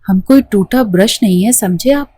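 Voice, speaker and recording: A woman's voice: mid-range voice, normal speed, mellow, husky, no echo, lightly acted. A woman voicing a headstrong young girl in a romance storybook, whiny and defiant.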